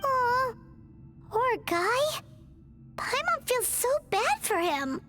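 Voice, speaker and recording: Small fairy girl, childlike squeak, slow delivery, expressive, anxious game companion, music behind. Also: full character voice. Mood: sympathetic. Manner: speaks of herself in third person, expressive. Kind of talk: video game voice acting.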